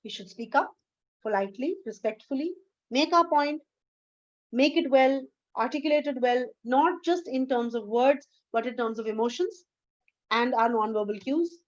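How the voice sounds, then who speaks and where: A woman's voice: high-pitched, moderate pace, highs cut off. A woman with an Indian English accent giving an earnest, emphatic lecture as a webinar speaker, correcting herself now and then. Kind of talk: lecture presentation.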